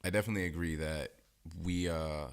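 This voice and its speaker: A man's voice: sits low, fairly even intonation, brisk, smooth. A man co-hosting a casual podcast chat, musing in a laid-back way and swearing casually. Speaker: podcast co-host.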